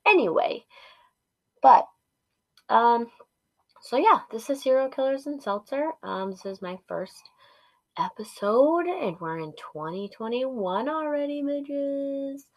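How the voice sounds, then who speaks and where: A woman's voice: high-pitched, expressive, slow, no room sound. A woman hosting a casual solo podcast from inside a closet, rambling informally and poking fun at herself. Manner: informal, rambling, self-deprecating, with swearing. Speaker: podcast host. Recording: close, dry closet recording.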